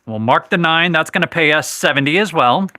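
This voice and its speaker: A man's voice: a little high, a little fast, pushed and bright. A man hosting a live craps stream, chatting casually, reading viewer comments and correcting himself, while he has the hiccups. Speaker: livestream host.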